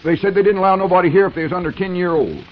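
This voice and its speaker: A man's voice: high-pitched, close to an everyday voice. An actor playing an earnest, plaintive country man with a rural Southern accent in a 1940s radio comedy. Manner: rustic, drawn-out folksy grammar. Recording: dull, hissy 1940s radio recording.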